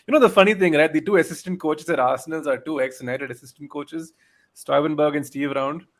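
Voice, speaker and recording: A man co-hosting a football podcast in casual chat, often pausing to search for words. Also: a little high. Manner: hesitant, searches for words with fillers. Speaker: podcast co-host.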